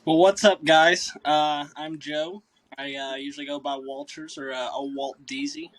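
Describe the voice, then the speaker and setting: A man's voice: a little high, measured pace, no echo. A man in his thirties from Kentucky with a Southern accent, chatting casually as a podcast guest and rambling with lots of uh and um. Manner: relaxed, rambling with many uh and um. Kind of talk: casual chat.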